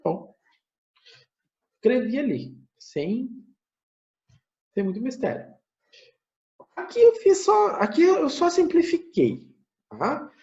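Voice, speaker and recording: A man teaches a math class, walking through each step aloud and correcting his own slips. His voice swings up and down with animated intonation. The recording is muffled and lo-fi. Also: extremely high pitch, takes it slowly, pauses often. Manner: thinks aloud, tags phrases with "né?", corrects himself. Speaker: math lecturer.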